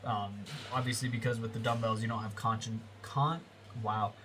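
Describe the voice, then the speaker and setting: A man's voice: on the low side, little pitch movement, brisk, a bit bright, a little hiss or hum. A young American man with a congested nose, giving a rambling casual voiceover about his workout, full of fillers and self-corrections. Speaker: fitness vlogger. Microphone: close voiceover mic.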